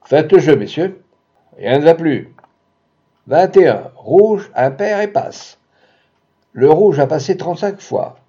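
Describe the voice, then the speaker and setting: A man voicing a male casino croupier who calls out the bets in a loud sing-song and later mocks a player. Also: a little high, expressive, slow, long pauses, breathy edge, lo-fi sound, voice pushed up, full character voice. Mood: calling bets.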